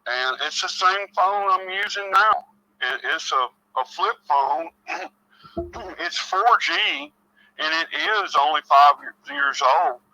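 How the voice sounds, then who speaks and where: A man's voice: a little high, big pitch swings, takes it slowly, vocal fry, pushed and bright. A man telling his story over a cell phone held up to a microphone, rambling with stammered restarts. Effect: muffled cell phone audio held to a mic. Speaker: call-in guest. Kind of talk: storytelling first-hand encounter. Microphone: cell phone placed next to host's microphone. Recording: dull lo-fi phone sound, dry.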